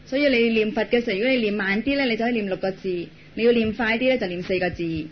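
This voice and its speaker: Brisk Cantonese-speaking interpreter, fast pace. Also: male voice, high-pitched. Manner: brisk, relaying each phrase. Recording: dull lo-fi recording with faint hiss.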